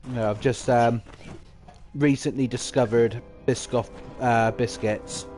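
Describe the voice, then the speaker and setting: A man's voice: mid-range voice, fairly even intonation, slow, a little mellow. Man chatting on a live stream. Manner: chatty, rambling, reads out viewer messages. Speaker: livestreamer. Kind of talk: casual live-stream chat. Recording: music playing in the background.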